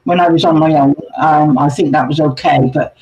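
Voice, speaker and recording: A man's voice: on the high side, steady tone, normal speed, darkish tone, highs cut off. A man chatting casually on a livestream as co-host, telling ghost stories and greeting viewers by name over a video call. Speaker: co-host, paranormal investigator.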